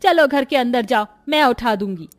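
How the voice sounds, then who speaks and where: A woman's voice: lively intonation, moderate pace, natural voice. Cartoon mother-in-law, older and tired, scolds the young women, voiced by a woman. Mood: scolding. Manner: tired, scolding, lower and heavier voice. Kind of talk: cartoon voice acting.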